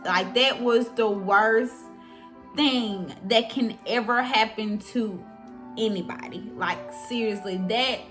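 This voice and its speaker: Bright-voiced young woman telling a story. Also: fairly high pitch, takes it slowly, faint music behind. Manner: expressive and chatty, addresses viewers directly. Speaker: vlogger. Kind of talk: casual storytelling to camera.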